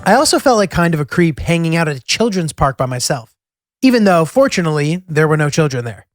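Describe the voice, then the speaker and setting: A man narrates his road trip in a scripted, storytelling voice that sits a little high for a man. His humor is wry and self-deprecating. Music plays clearly under him the whole way. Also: very animated, quick pace. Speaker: host and narrator of a travel series.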